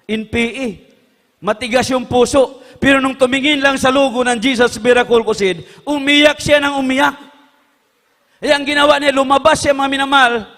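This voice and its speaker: A man preaching a sermon, impassioned, swinging from hushed tones to shouts. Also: extremely high pitch, in a large hall.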